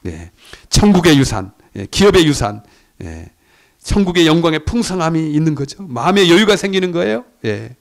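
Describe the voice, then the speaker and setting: A middle-aged male pastor preaching a sermon in an earnest way, his voice rising to emphatic peaks and then dropping soft. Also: a little high, very animated, moderate pace, gravelly.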